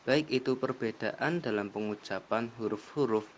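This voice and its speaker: A man's voice: medium pitch, moderate pace, slight background noise. Young man reading lesson definitions carefully. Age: young adult. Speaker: university student presenter. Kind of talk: read-aloud lesson narration.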